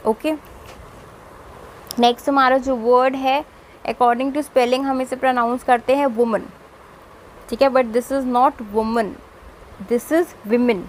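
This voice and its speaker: A young woman with an Indian accent teaching pronunciation in a video lesson, spelling out words slowly and mixing Hindi with English. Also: sits high, flat delivery, slight background noise, low-quality recording. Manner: slow deliberate word-by-word demonstration, mixing Hindi and English.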